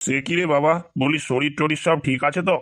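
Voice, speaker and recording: A woman voicing a kindly, soft-spoken old father in a cartoon. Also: deep voice, steady tone, moderate pace, dry recording, studio quality, lightly acted. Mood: worried.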